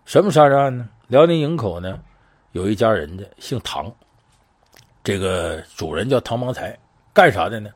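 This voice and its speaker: A man's voice: lowish voice, normal speed, husky. A man telling a true crime tale in casual talk, acting out the voices of the people in it. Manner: lively, conversational, acts out voices in the story. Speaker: storyteller. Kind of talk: casual spoken storytelling of a true crime case.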